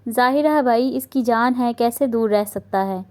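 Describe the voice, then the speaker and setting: A woman's voice: fairly high pitch, a little mellow, close to an everyday voice. A woman voicing an older grandmother in a novel reading, doting on her granddaughter. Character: older grandmother, proud, softened.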